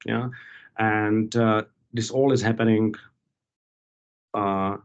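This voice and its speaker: A man speaks in a measured, formal way as an interview guest. His voice sits on the low side. The sound comes through a slightly muffled video-call line. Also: fairly even intonation, clear, resonant tone. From Czech Republic. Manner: measured, formal policy explanation. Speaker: guest, policy advocate.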